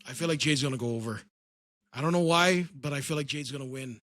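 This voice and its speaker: A man's voice: medium pitch, fast, a bit bright, no room sound. A man co-hosting a wrestling podcast, sarcastic, repeating phrases for comic effect. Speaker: podcast co-host. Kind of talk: casual podcast chat.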